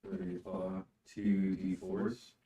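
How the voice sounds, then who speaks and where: A man's voice: sits low, little pitch movement, slow, warm tone, very echoey. A man playing a tabletop game, muttering his rolls hesitantly. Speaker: player.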